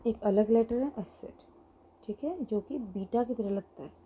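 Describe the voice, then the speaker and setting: A woman's voice: a little high, measured pace, phone-quality sound, slight background noise. A woman teaching an online language lesson, explaining patiently while writing things out and mixing in English phrases. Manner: writes on a board while explaining.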